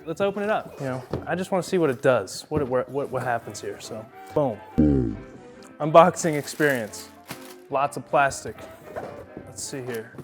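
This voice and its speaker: A man hosting a casual unboxing vlog, joking and rambling in an offhand way. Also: mid-range voice. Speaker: host.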